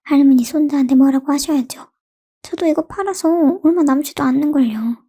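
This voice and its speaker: A poor young taffy seller man, tearful and pleading, played by a woman reading aloud in a storybook. His voice stays high and mellow as he complains about his troubles. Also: moderate pace.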